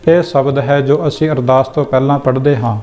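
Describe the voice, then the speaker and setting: A man giving a lesson on the correct pronunciation of prayer verses, addressing listeners gently and reciting each line slowly and carefully. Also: mid-range voice, steady tone, soft background music. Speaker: teacher of scripture pronunciation. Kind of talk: Punjabi scripture pronunciation lesson.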